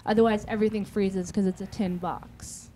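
A woman's voice: mid-range voice, steady tone, moderate pace, noisy background. A woman appearing as a talk-show guest, rambling nervously and restarting often while speaking into a handheld mic on a studio couch. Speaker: guest, founder of an internet radio station. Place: TV studio set, seated on a couch.

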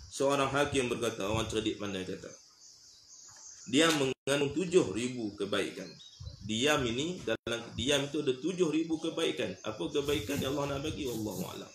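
A man giving an Islamic lecture as a religious teacher, conversational and acting out little dialogues. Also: medium pitch. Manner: conversational preaching with acted dialogue and laughs. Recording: echoey room with faint background noise.

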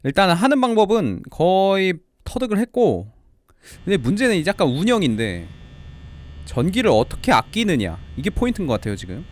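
A man giving lively horror game commentary, excitable and quick to yelp and plead when under pressure. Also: high voice, no room sound. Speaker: game streamer.

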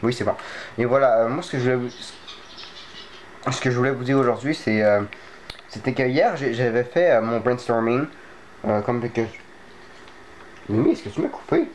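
A man's voice: medium pitch, normal speed, pauses often, slight background noise. A young man chatting casually to camera in a vlog, playful and prone to mock panic. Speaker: vlogger.

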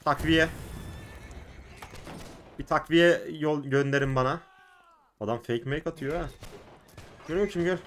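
Excitable Turkish man narrating his gameplay. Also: a little high, measured pace, long pauses, slight background noise. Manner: excitable, shouts and laughs during fights, mutters to himself between. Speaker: gaming YouTuber. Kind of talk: casual gameplay commentary.

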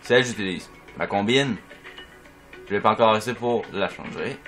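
A man with a Quebec French accent, chatting at home through casual gameplay commentary in an excitable, joking way. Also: lowish voice, normal speed. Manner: excitable, chatty, makes silly sound effects. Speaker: gamer. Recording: faint music behind.

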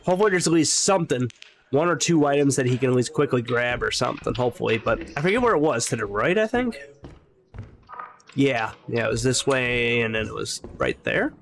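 A man's voice: medium pitch, sing-song, brisk, creaky, a little hiss or hum. A man streaming a video game, chatting casually and hopefully while he plays. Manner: chatty, hopeful, repeats himself. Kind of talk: casual gaming chat.

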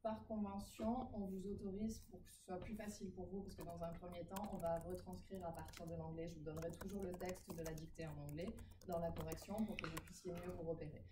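Here a woman lectures a phonetics class in a lowish, steady voice, moving fairly quickly with hardly any pauses. She's patient with the rules and often checks that students follow along. The room is echoey, the mic distant, and noise sits in the background.

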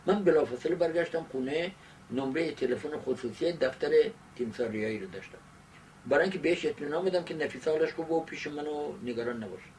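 Older man, 70s, halting reminiscence, off-mic camcorder sound with faint noise. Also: a little high, a little mellow. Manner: halting, with long hesitations. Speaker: interviewee giving oral history. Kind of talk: recollective personal narration. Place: small book-lined study indoors. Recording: distant mic, noisy amateur camcorder sound.

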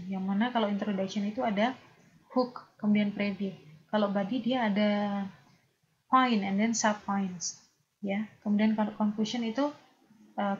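A woman teacher with an Indonesian accent explains speech structure in Indonesian, then reads English phrases slowly for students to repeat. Her voice sits at a middle pitch. The recording is dull and lo-fi, with a faint hum of room ambience behind her. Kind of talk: online English lesson. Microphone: lapel mic.

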